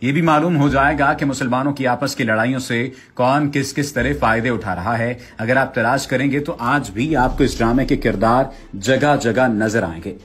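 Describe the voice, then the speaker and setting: A man reads a formal, measured retelling of a drama series. His voice is husky and sits at an ordinary male pitch. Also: a bit bright. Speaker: narrator summarizing a TV drama. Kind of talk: read narration.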